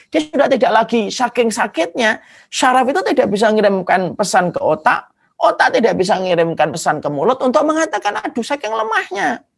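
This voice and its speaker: A man preaching an Islamic sermon, vivid and dramatic, punctuating points with sound words. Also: creaky. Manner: animated, swooping pitch with dramatic sound words.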